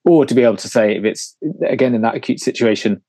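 Male podcast guest, British, warm low-key tone, dead dry mic, thoughtful and halting. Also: steady tone, dry recording. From United Kingdom. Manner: thoughtful, halting with restarts, light laughs. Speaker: guest trainer. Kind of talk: casual podcast discussion. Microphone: podcast microphone.

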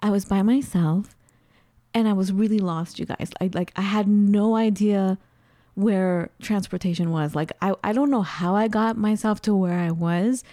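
A woman's voice: medium pitch, normal speed, dark tone, dry recording, studio quality. A woman co-hosting a casual talk show, telling stories with lots of animation and frequent laughter. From studied in England. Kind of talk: casual storytelling chat.

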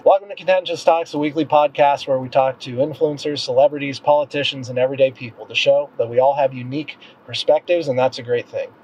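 A man's voice: medium pitch, steady tone, fast, few pauses, a little mellow, faint music behind. A man hosting a weekly podcast, upbeat and friendly, asking short questions. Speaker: podcast host. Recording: slightly dull lo-fi sound with faint noise.

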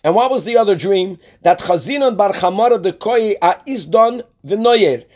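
High-pitched man teaching. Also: expressive, moderate pace, darkish tone. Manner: explanatory, repeats and rephrases points. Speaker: religious teacher, rabbi giving a Talmud class. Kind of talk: Talmud lesson, reading and explaining.

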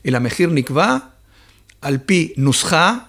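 Man, dairy expert, explains patiently with lots of pauses; gravelly, slightly husky voice sitting a bit high. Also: expressive, fairly bright tone. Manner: explains step by step with many filler pauses. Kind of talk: explanatory interview talk.

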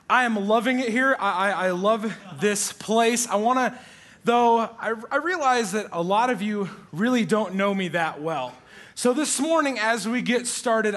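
A young man from Iowa speaks from a church stage, his voice pitched high for a man and ringing with a forceful brightness. He jokes about himself and laughs easily as he introduces himself to the congregation. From Iowa, USA. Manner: playful, self-deprecating, laughs often. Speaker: church pastoral resident. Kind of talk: humorous self-introduction to a congregation.

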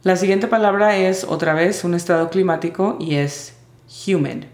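A woman teaching English vocabulary in Spanish, spelling out each word's sounds slowly and carefully. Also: fairly low pitch, a little mellow, roomy sound. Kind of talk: vocabulary lesson.

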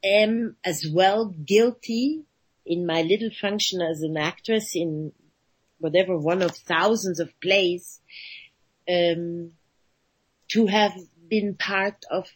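A woman and actress talking as a radio guest, halting often and searching for her words. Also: lowish voice, husky, low-quality recording. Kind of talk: radio interview conversation.

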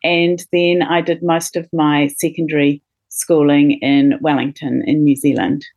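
A middle-aged woman, a podcast guest, chatting casually with many pauses and fillers and laughing now and then. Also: sits low, level tone, a little mellow, dry recording. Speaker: podcast guest, company co-founder. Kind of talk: casual interview chat.

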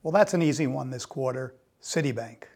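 An older man answering conversationally as an expert guest, explaining in a somewhat halting way. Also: mid-range voice, darkish tone. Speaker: investment firm founder, podcast guest.

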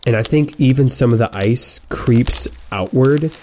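A man narrating a tabletop game as game master, describing scenes in halting, improvised detail. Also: medium pitch, mellow, a little hiss or hum.

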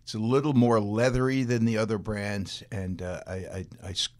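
A man's voice: on the low side, fairly even intonation, normal speed, a little mellow. A man talking as a guest on a podcast in friendly, easygoing chat.

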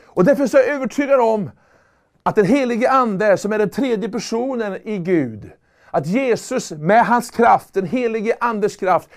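A man preaching a sermon in an earnest, emphatic way, at times rising to loud calls. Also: sits high, expressive.

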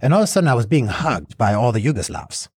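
A middle-aged American man, a cross-cultural mediator, answers interview questions in a thoughtful, reflective way with small restarts. His mid-range voice is very animated and fast, a little mellow with a breathy edge. The studio recording is clean with no echo.

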